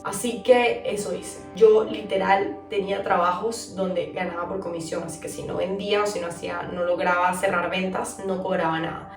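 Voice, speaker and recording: Chatty Venezuelan woman telling her story. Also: medium pitch. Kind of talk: storytime vlog. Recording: echoey room, mic at a distance, soft music.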